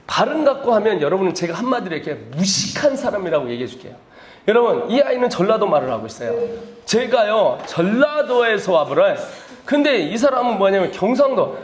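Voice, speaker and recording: High, lively male lecturer; chatty, jokey, echoey hall sound. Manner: animated, chatty, laughs at his own jokes. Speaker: missionary speaker at a teachers' seminar. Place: indoor seminar room.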